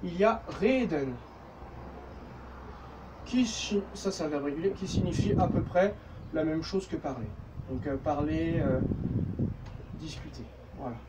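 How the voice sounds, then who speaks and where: A man's voice: fairly high pitch, measured pace, long pauses, heavy background noise. A man with a French accent giving a casual, jokey language lesson, full of fillers and self-corrections. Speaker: German teacher.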